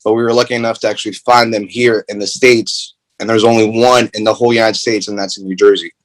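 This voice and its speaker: A young man from Greece, co-owner of a food truck, answering interview questions casually with many pauses. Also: lowish voice, low-quality recording. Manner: relaxed, lots of "um" pauses.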